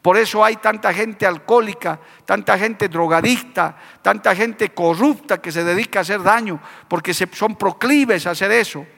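High, bright-voiced fervent preacher man. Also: normal speed, gravelly, few pauses. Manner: fervent preaching with repeated "amado hermano". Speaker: pastor. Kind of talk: sermon. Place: church hall, broadcast on radio and TV. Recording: reverberant church hall.

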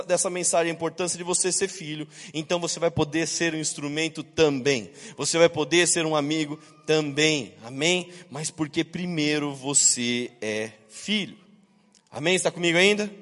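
A pastor in a church preaches a sermon to his congregation at normal speed, telling stories, acting out the voices of the people in them, and cracking jokes along the way. His voice is a little high and a bit bright, with a long reverb tail.

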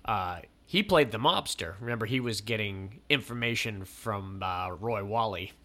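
A man's voice: on the low side, animated, sharp tone. A man in casual, rambling conversation about old movies, swearing freely and laughing often. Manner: rambling, profane, quick laughs.

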